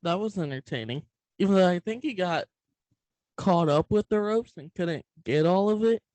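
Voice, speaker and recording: A man's voice: sits high, lively intonation, normal speed, a little mellow, no room sound, poor audio. A man co-hosting a podcast, giving short, terse replies in casual chat. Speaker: podcast co-host.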